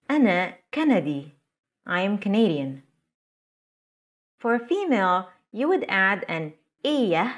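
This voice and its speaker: A woman teaching a language lesson as the show's teacher, explaining grammar in a clear, deliberate way and slowing down for example phrases. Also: mid-range voice. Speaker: Arabic teacher.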